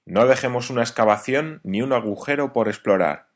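A man reading an audiobook, voicing a lively newspaper correspondent who speaks eager and emphatic. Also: mid-range voice, brisk, background noise, voice pushed up, close to an everyday voice.

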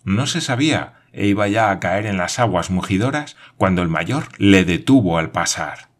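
Husky low-voiced male audiobook narrator. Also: expressive, moderate pace.

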